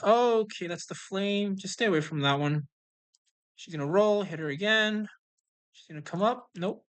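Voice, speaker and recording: Gamer doing a chill walkthrough, mid pitched voice, calls out each move as they play. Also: fairly bright tone. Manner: instructional, talks through each move as it happens. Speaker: gameplay streamer giving a walkthrough. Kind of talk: casual live game commentary.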